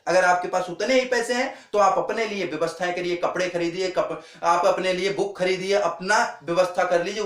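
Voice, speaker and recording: A man's voice: sits high, a bit bright, reverberant. A man teaching an exam-prep lecture, earnest and repetitive, calling his viewers friends as he drills key points.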